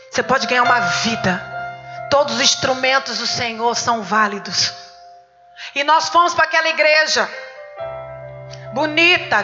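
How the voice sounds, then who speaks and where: A high-pitched, middle-aged Brazilian woman delivers a fervent church testimony, acting out voices as she tells her story. The recording sounds muffled, with music playing underneath. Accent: Brazilian Portuguese. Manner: lively storytelling, acting out dialogue, fervent exhortation. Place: church service.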